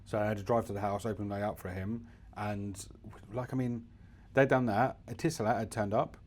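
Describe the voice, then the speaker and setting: A man co-hosting a casual podcast at home, telling stories in an animated, joking way. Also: lowish voice, a little fast, slight background noise. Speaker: podcast co-host. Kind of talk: casual chat. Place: home in the UAE.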